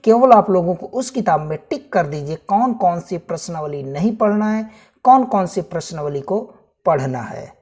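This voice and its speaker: Calling viewers his friends, a man teaches casually through a maths syllabus, covering each chapter in turn and repeating every item. His high-sitting voice is expressive and slightly rough, with a darkish tone and a moderate pace.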